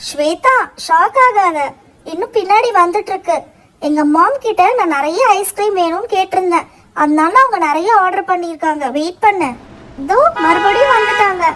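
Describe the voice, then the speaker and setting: A woman voicing a bubbly, very high-voiced girl. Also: moderate pace, a bit bright. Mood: explaining. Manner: bubbly, chatty. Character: cheerful generous girl Rosie. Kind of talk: doll-play story voicing.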